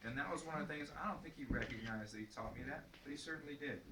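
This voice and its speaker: A man's voice: mid-range voice, racing. A man giving a personal testimonial speech at a ceremony, addressing an assembly. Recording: echoey, distant mic, noisy, clicks.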